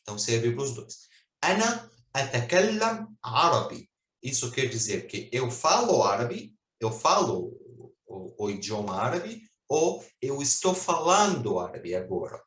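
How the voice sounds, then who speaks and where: Um homem dando uma aula de língua online, com paciência e repetindo palavras devagar para os alunos praticarem. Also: male voice, mid-range voice, very animated, a bit bright, echoey room. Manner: patient, repeats words slowly for drilling. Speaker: Arabic teacher. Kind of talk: online language lesson.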